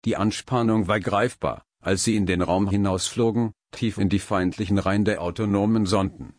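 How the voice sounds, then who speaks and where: A man narrates a scripted story with an even, dramatic delivery. His voice sits fairly low, and the close recording is dry with no room sound. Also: moderate pace, no room sound.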